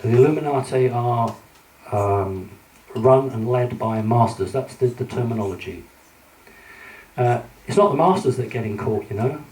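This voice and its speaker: A man's voice: mid-range voice, normal speed, mellow. Man lecturing in an echoey hall. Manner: earnest, hesitant with frequent fillers. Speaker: conference speaker. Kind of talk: conference lecture with slides. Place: conference hall. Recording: echoey hall, mic at a distance.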